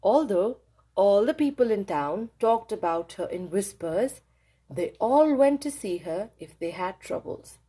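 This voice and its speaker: A woman reading a children's storybook aloud in an expressive, deliberate storytelling manner. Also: a little high, slightly rough. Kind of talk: animated read-aloud storytelling.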